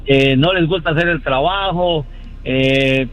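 A man calls into a radio show. He is a construction foreman who speaks in a high voice. He talks in a halting way, full of fillers. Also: a loud crowd, low-quality recording. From Colombia. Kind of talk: phoned-in radio call.

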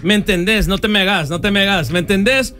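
A man's voice: high voice, fast talker, bright, forceful tone. A man hosting a casual radio chat in a studio, switching between Spanish and English mid-sentence. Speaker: radio show host. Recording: music playing behind the voice.

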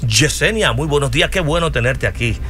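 Bright, pushy male radio host. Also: expressive, a little fast, soft background music. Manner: urgent, repetitive pitching. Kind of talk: promotional radio talk.

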